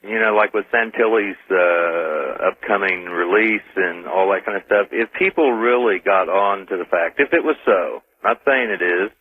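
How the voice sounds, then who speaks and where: Deep voiced guy rambling on a call-in show, lots of uhs, tinny dry phone sound. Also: moderate pace, hardly any pauses, breathy edge. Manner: chatty, rambling, many fillers. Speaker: caller. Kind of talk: rambling call-in radio chat.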